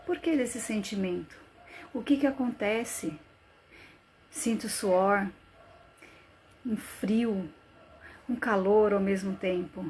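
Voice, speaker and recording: An anxious woman tormented by panic attacks, put on by a woman in her own voice, asks herself halting, pleading questions. Her voice sits at an ordinary middle pitch. A steady noise runs under the recording. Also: natural voice. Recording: noisy live-stream audio.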